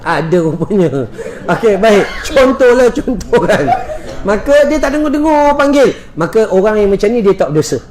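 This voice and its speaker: A man with a Malaysian Malay accent, a religious teacher answering questions in a lively, joking lecture, explaining step by step. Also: high-pitched, moderate pace, hardly any pauses, a crowd in the background.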